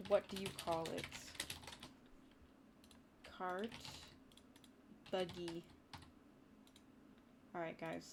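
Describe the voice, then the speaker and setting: A woman's voice: mid-range voice, slight background noise. Young woman, Wisconsin accent, casual livestream chatter, rambling, addresses chat, faint keyboard typing behind. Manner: rambling, talks to chat with lots of "like" and "dude".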